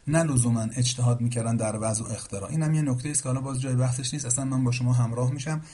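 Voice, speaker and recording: A man explaining Quranic reading variants in a formal, patient lecture, reciting verses and often trailing off quietly at the end of phrases. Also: mid-range voice, breathy edge. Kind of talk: explanatory lecture answering a question.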